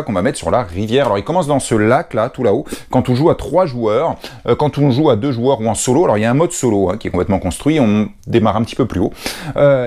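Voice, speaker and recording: A French man explaining a board game's rules in a chatty way, with many hesitations. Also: mid-range voice. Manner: chatty, lively, with frequent hesitations. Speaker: board game reviewer.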